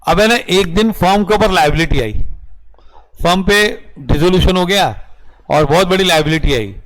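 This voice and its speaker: Male lecturer, pitched high, lively classroom teaching with slow dictation. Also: poor audio. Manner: animated, drills students with rhetorical questions; dictates definitions slowly in English. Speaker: law lecturer. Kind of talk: classroom lecture in Hindi mixed with English. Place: classroom with students.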